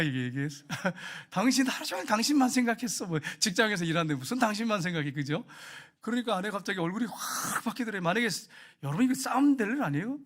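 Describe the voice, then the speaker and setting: A middle-aged man preaches in a slightly high voice. He tells everyday stories in a relaxed, colloquial way, acting out the scenes as he goes. He often turns to address his congregation directly. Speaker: pastor. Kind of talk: sermon.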